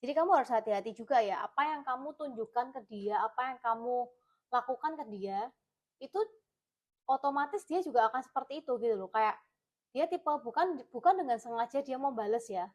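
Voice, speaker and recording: A woman's voice: fairly high pitch, fairly quick. A woman with an Indonesian accent giving a casual tarot reading, chatty and repetitive, full of fillers. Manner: chatty, repeats herself, many fillers. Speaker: tarot reader.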